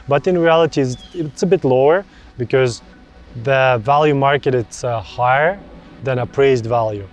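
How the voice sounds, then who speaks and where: Here a man in his thirties from Russia, working as a real estate broker, replies to viewer questions in Russian-accented English. He's laid-back and talkative, with a mid-range voice, and tends to repeat words for emphasis.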